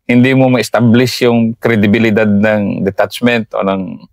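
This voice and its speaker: A Filipino man with a fairly low voice hosts an interview, drawing the points together slowly and deliberately. His follow-up questions are calm and measured. The recording is dry and close. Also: vocal fry, dry recording. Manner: slow and deliberate, sums up points and asks follow-ups. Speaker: interview host, retired colonel. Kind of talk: reflective interview talk.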